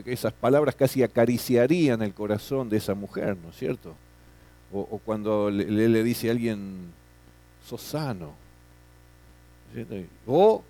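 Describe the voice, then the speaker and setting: A man's voice: fairly low pitch, dark tone. A middle-aged man teaching a classroom lecture, often tagging his sentences with questions and repeating words.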